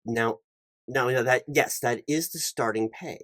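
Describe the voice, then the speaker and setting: A man's medium, slightly bright voice carries an ASMR job-interview roleplay where he acts as the hiring manager, speaking one-sidedly. His patter is polite, officious, corporate and a bit halting, with no echo in the sound.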